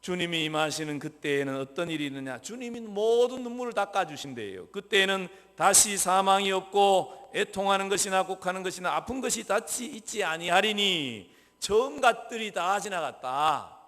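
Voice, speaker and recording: A man pastor preaching a sermon in a church, questioning the congregation and answering himself, dropping from loud emphasis to soft asides. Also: sits high, lively intonation, moderate pace. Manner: swings between loud emphasis and soft, near-whispered asides. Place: church sanctuary. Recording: long reverb of a church hall.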